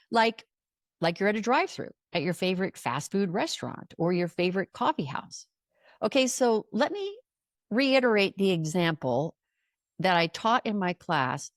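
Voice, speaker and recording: An emphatic woman gives a motivational podcast monologue as a life coach and leans hard on repeated key words. Her pitch moves in a lively way, and the recording is dry and close with no room sound. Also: no room sound.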